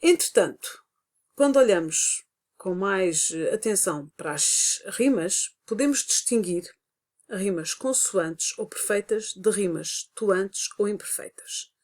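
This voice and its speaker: A woman's voice: medium pitch, animated, slow, a little mellow. A woman teacher with a European Portuguese accent, explaining a grammar lesson step by step with frequent hesitant fillers. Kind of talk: recorded online lesson.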